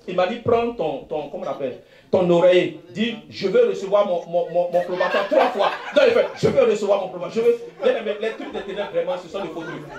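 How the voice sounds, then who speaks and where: Animated preacher with an echoey high voice. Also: male voice. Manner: animated storytelling, frequent "frères et sœurs" addresses, laughs and shouts. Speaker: pastor. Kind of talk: sermon with personal testimony. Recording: echoey room.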